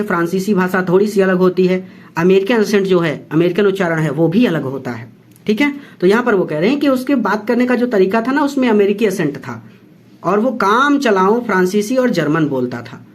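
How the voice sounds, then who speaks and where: A teacher explaining a story line by line, reading English slowly and then translating each phrase with repeated explanations. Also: mid-range voice. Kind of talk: class lesson explanation.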